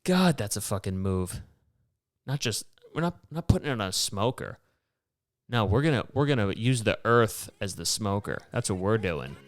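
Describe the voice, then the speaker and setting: A man's voice: on the low side, sing-song, normal speed, dry recording. Rambling, profane podcast host, a man. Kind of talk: casual solo storytelling.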